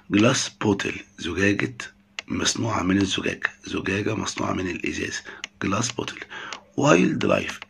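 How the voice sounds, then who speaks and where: A man's voice: deep voice, gravelly, sharp tone, a little hiss or hum. A man with an Egyptian Arabic accent teaching English vocabulary, saying each word twice and explaining it in Arabic.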